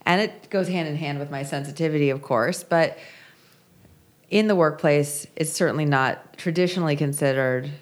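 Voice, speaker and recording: A woman's voice: low-pitched, moderate pace. A woman author talking through her ideas in an interview, earnest and reflective. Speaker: author and guest. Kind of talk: conversational interview.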